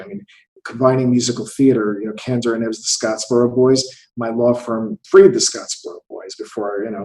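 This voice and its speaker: A man in his fifties from the United States, who invests in theatre, talks as a guest in a conversational interview, thinking aloud and repeating words often. His voice is medium in pitch with a darkish tone. The recording is rough and reverberant.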